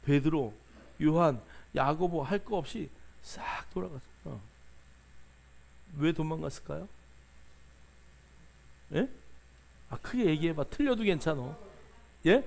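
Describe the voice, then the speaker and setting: A male pastor delivers a lively sermon in a gravelly, somewhat high voice. He keeps putting questions to his listeners and urging them to answer out loud, with filler sounds running between his phrases. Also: a little slow, pauses often. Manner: lively preaching, asks the congregation questions, many fillers.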